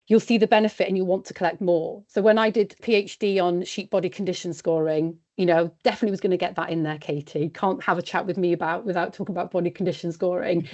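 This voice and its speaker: A woman's voice: fairly low pitch, a little mellow. A woman from West Wales, speaking in a chatty, practical way as an independent sheep consultant in a podcast interview. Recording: dull, lo-fi sound.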